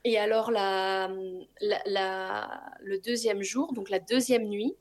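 A young woman from France, a podcast guest, telling a personal story in a lively, colloquial way with many fillers. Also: mid-range voice, slow pace.

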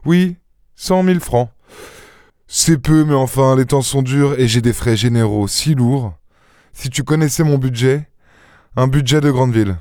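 A man voicing a suave, teasing gentleman-thief. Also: mid-range voice, measured pace, no room sound, clean studio sound, voice pushed up, lightly acted. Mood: airy. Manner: playful, ironic, airy. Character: suave witty male gentleman-thief, mocking and self-assured.

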